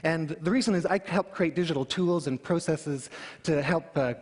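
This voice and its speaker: A man giving a public talk, telling it in an animated way with emphatic rhetorical questions. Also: a little high, moderate pace, slightly rough. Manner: animated storytelling, emphatic question-and-answer delivery. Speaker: conference speaker. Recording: hall reverb.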